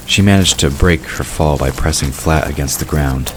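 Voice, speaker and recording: Over the steady chirp of night crickets, a man with a rumbling low voice reads scripted third-person narration for a fantasy audio drama at a moderate pace.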